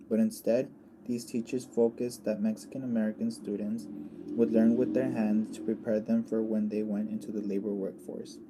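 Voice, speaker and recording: A young man reading a prepared class presentation in a measured, explanatory way. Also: fairly low pitch, noisy background. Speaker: student presenter.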